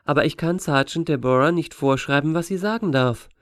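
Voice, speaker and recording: A man voicing a calm, matter-of-fact adult man who speaks quietly and patiently to children, in a storybook reading. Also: on the high side, a little fast, no echo, clean studio sound, lightly acted.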